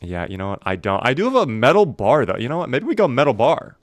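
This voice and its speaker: A man's voice: medium pitch, very animated, quick pace, no room sound. A man doing casual live commentary while playing a survival video game, chatting to viewers in a wry, mock-dramatic way.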